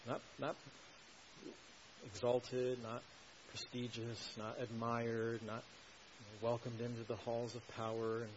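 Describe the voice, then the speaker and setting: A man's voice: medium pitch, completely flat delivery, takes it slowly. A man preaching a sermon in an earnest, teaching tone, pressing his points with emphatic rhetorical questions. The recording is a little dull, with a faint hiss underneath. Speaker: pastor.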